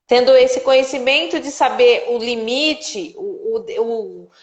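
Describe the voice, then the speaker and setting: A woman's voice: on the high side, echoey room. A woman hosting a live stream, speaking hesitantly and seeking agreement. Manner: hesitant, halting, seeks agreement with "né?".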